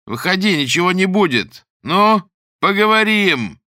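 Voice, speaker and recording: A man voicing an unhinged stalker who taunts in a loud, drawn-out, mock-sweet way. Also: on the high side, sing-song, dry recording, studio quality, voice pushed up. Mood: coaxing menace.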